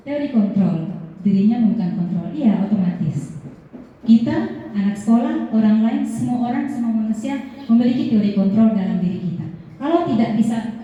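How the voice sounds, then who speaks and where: A woman's voice: a little high, warm tone. A woman teacher giving an earnest explanatory presentation to fellow teachers. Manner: earnest, explanatory, addresses audience as Bapak Ibu. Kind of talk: classroom presentation. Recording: roomy hall, voice from far off, dull sound.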